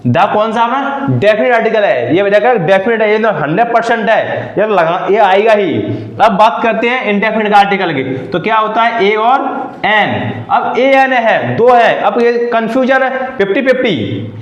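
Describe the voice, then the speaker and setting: High-voiced male teacher in an echoey room. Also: expressive, moderate pace, lo-fi sound. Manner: repeats questions and answers them himself. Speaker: English teacher. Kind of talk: classroom lesson.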